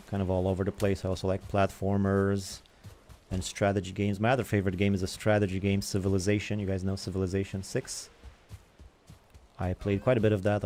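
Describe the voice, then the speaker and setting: A man's voice: fairly low pitch, dark tone, a little hiss or hum. A young man hosting a gaming channel, rambling in casual chatter as he plays and comments on other games.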